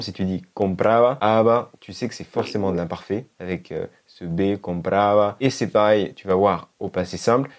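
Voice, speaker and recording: A man teaching an online language lesson, explaining step by step and repeating each example slowly. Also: fairly low pitch, a little mellow. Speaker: Spanish teacher.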